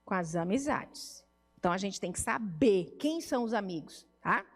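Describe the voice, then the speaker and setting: A woman's voice: medium pitch, expressive, moderate pace, faint music behind. A middle-aged woman with a Brazilian Portuguese accent, a family therapist giving a conversational church seminar talk and acting out family dialogues. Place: church hall. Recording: reverberant church hall.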